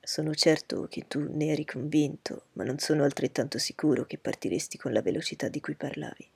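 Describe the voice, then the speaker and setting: A woman reading aloud voices a proud, reserved gentleman who speaks in a cool, measured, lecturing way. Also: deep voice, gravelly, slightly rough, no room sound, full character voice.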